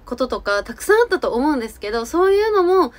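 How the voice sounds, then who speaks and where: A young woman with a fairly high voice and very lively intonation talks to her camera at a quick pace. She sounds earnest and rambles a little, softening her opinions as she goes, in a casual YouTube style. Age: 20s. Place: small indoor room with curtain backdrop.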